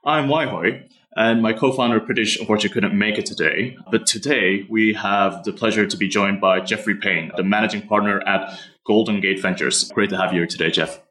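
Podcast host guy, lowish voice, friendly, asks questions. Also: a little fast, bright, forceful tone. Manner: friendly, with scripted intro and short back-channel replies. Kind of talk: interview hosting.

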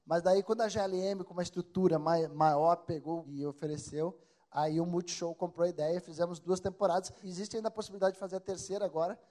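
A man with a Brazilian Portuguese accent, a comedian telling animated anecdotes full of swearing in casual chat. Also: sits high, quick pace. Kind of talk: casual storytelling.

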